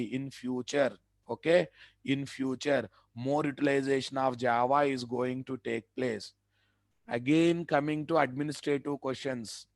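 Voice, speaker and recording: A gravelly, mid-range male voice in a dry recording carries a Telugu accent in Indian English. He teaches web development in a live online lecture to students, emphatic and repetitive, frequently checking with rhetorical questions.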